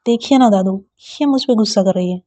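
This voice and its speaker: A woman's voice: mid-range voice, a little fast, warm tone, natural voice. A woman voicing a sweet, sly young woman who coaxes an old grandmother in a storybook reading.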